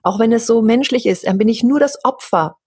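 A middle-aged woman speaking as an interview guest, earnest and animated, who sometimes acts out the voices of other people. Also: fairly high pitch, fairly quick, slightly rough, no room sound, studio quality. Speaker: interview guest, hypnosis practitioner. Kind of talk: candid conversational interview.

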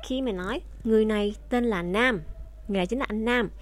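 A woman's voice: a little high, quick pace. A woman teaching a language lesson online, explaining rules patiently and speaking directly to her viewers.

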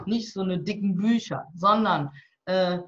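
A medium-pitched woman speaks at a measured pace over a little hiss or hum on dull lo-fi audio. Turning 60, she's a guest on a casual interview, a divorce coach and author bluntly and humorously describing how she works with clients.

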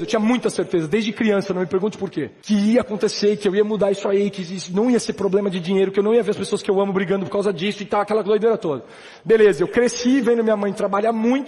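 A man's voice: sits high, a little mellow, in a large hall. A man from Brazil giving a live motivational talk to an audience at a business event, emphatic and conversational, full of slangy asides. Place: large hall with a live audience.

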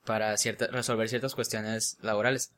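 A man's voice: on the low side, level tone, normal speed, a bit bright. A young man with a Mexican Spanish accent, chatting casually and telling a story full of slang, often laughing. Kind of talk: casual chat.

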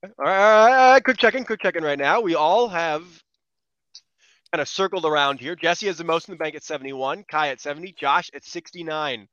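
Male podcast host, upbeat and rambling, bright sharp tone, dry close sound. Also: on the high side, brisk, no echo, highs cut off. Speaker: host running the bets. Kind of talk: casual podcast chat.

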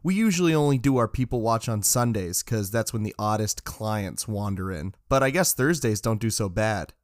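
A man's voice: lowish voice, expressive, moderate pace, no echo, studio quality, close to an everyday voice. Nella, a man doing a wry young woman. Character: witty young woman student.

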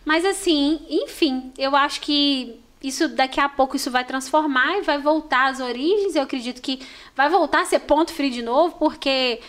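A woman with a Brazilian Portuguese accent from Minas Gerais, a store manager chatting casually on a podcast and telling lively stories. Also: high-pitched, moderate pace. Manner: animated storyteller, warm and expressive.

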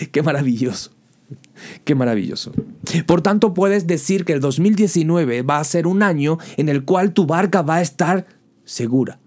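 A man's voice: on the high side, expressive, unhurried, pauses often, a little mellow. A man preaching a sermon in an impassioned way, building his points through repeated rhetorical questions and direct appeals to the listener.

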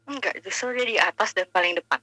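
A woman calling in over the phone, telling a personal ghost story in a halting casual way. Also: mid-range voice, sharp tone, no room sound, rough recording. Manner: halting, searching for words. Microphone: phone call.

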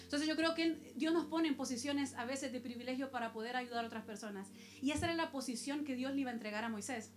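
High-voiced woman pastor preaching. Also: quick pace. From El Salvador. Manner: personal storytelling with rhetorical questions to the congregation. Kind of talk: sermon.

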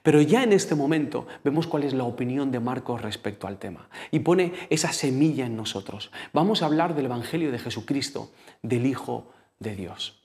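A man's voice: mid-range voice, animated, brisk, few pauses, darkish tone. Man, Spain Spanish accent, sermon, casual storytelling, talks straight to the congregation. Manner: conversational storytelling, addresses the congregation directly. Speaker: preacher.

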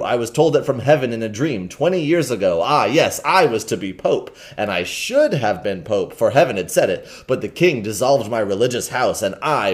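A man's voice: medium pitch, lightly acted. A man voicing an unhinged old male hermit monk who preaches in solemn archaic speech and swings into bitter rage.

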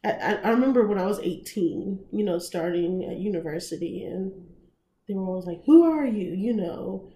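A woman in her twenties co-hosting a podcast, chatty and quick to laugh. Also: mid-range voice, expressive, warm tone. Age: 20s. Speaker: podcast co-host. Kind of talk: casual chat. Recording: echoey room, faint background noise.

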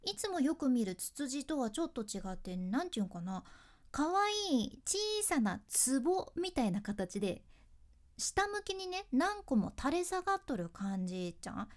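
A woman speaks with an in an easygoing solo monologue. Her voice sits a little high. She is chatty, laughs often, and keeps asking her listeners questions. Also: big pitch swings, normal speed. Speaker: freelance announcer and speaking coach. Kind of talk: casual solo chat.

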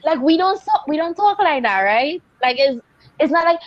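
A Trinidadian woman with a high voice chats casually, telling stories through little stops and restarts. Her sound is muffled and dull, and it is dry with no room around it. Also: very animated, moderate pace, dry recording. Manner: chatty, storytelling with hesitant restarts. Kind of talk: casual podcast chat.

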